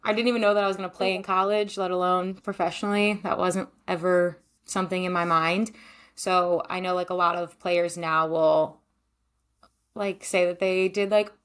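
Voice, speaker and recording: A woman's voice: fairly low pitch, level tone, normal speed, a bit bright. Chatty young woman, lots of likes. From Maryland. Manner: chatty, many likes and ums, laughs often. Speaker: podcast guest, former goalkeeper. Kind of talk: casual interview answers.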